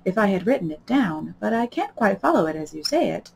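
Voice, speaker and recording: A woman voicing a polite, sensible young girl in a storybook, careful, matter-of-fact and quietly opinionated. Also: medium pitch, very animated, a little fast, gravelly, a little hiss or hum. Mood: polite, doubtful.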